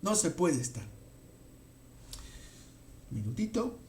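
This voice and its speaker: A high-voiced man preaches at an unhurried pace. He keeps checking in with his listeners and rises to emphatic rhetorical questions. His voice rings through an echoey room. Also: sing-song, a little mellow. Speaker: pastor. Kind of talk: sermon.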